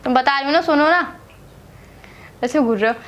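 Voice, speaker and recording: A woman's voice: sits high, normal speed, fairly bright tone. A young woman from Agra, India, telling a personal story to camera in a chatty way, repeating herself and using many fillers. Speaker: vlogger telling her marriage story.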